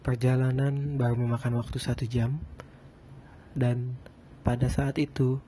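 Mellow man who can't roll his r. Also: medium pitch, level tone, measured pace, slight background noise. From Bandung, Indonesia. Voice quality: lisped, non-rolled r. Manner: rambling, self-deprecating, slangy. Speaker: podcast host. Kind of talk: casual solo podcast chat.

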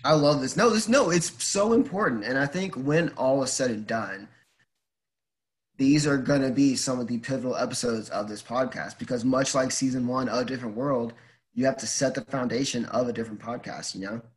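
Male podcast guest, mid-range pitch, conversational, loose, hesitant phrasing. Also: low-quality recording. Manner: halting, thinking aloud, informal. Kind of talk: casual chat.

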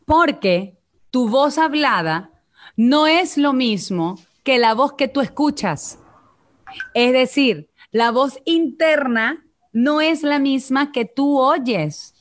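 A woman's voice: high voice, animated, slow. A woman from Venezuela, a vocal coach and guest, talking in a coaching tone and addressing listeners directly in a live online interview.

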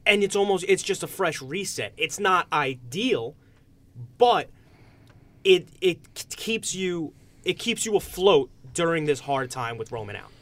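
A man's voice: on the high side, animated, unhurried, a bit bright. A man hosting a podcast, chatting casually about sports. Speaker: podcast host.

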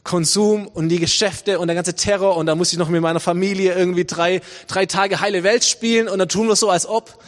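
A high-voiced man delivers a conversational sermon and leans on rhetorical questions. His words echo through a church with a long reverb. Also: steady tone, a little fast. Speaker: preacher.

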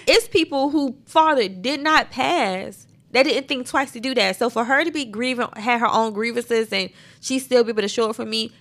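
Young adult woman from South Carolina, podcast co-host, bright and expressive, casual chat. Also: fairly high pitch, normal speed, few pauses.

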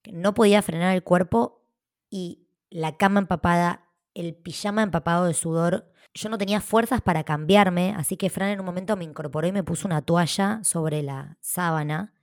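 Argentine woman, podcast co-host, frank and lively storyteller, slightly low voice, dry close mic. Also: normal speed, no echo. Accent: Argentine Spanish. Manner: animated, frank, swears casually. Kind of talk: casual storytelling chat.

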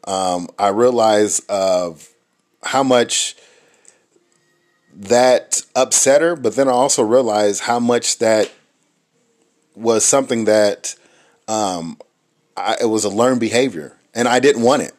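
A man's voice: on the low side, slow pace, long pauses, darkish tone. A man co-hosting a talk about marriage, speaking thoughtfully with frequent ums and restarts. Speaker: married co-host. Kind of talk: reflective casual talk.

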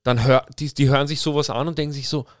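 A young man chats casually on a podcast, slipping into animated, slang-heavy stories. His voice sits at an ordinary middle pitch. He is recorded close and dry, with no room sound. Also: quick pace, smooth, no echo. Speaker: podcast co-host. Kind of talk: casual chat.

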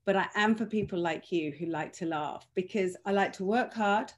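A woman fitness trainer telling personal stories in a self-mocking, laughing way, pronouncing her R's softly as W's. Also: medium pitch, normal speed. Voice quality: cannot pronounce R's properly, says w for r. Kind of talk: animated personal storytelling in conversation.

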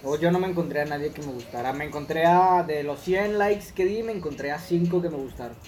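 Young guy from monterrey, kinda high voice, animated, laughs a lot in slangy podcast talk. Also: brisk, a little hiss or hum. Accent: Mexican, Monterrey. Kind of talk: casual chat.

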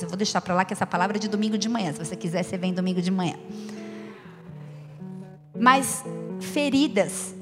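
Woman preaching in her forties, echoing hall. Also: a little high. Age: 40s. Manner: earnest, questioning the listeners directly. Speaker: pastor. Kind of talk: sermon. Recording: long hall reverb with guitar music behind.

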